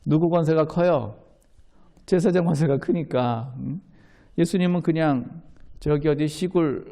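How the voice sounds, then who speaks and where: A man preaching a sermon as pastor, talking in a conversational way, asking the listeners questions and acting out quoted lines. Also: a little high. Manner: acts out quoted lines in lively voices.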